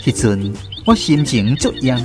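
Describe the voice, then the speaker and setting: Narrating his rural childhood for a radio drama, a man speaks with a Taiwanese accent, his native tongue being Taiwanese Hokkien, in a reflective, fond storytelling manner. His medium-pitched voice has a sing-song lilt and a measured pace, heard over music.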